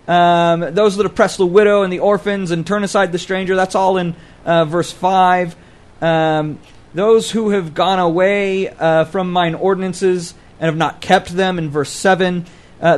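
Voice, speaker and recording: A man co-hosting a podcast, explaining scripture in a casual, scholarly way and thinking aloud as he goes. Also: high-pitched. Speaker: podcast co-host discussing scripture.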